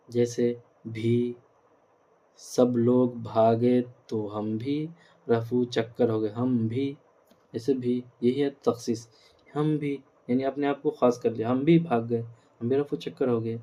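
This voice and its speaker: A man's voice: mid-range voice, warm tone. A man teaching an Urdu grammar lesson, explaining step by step and repeating terms and examples.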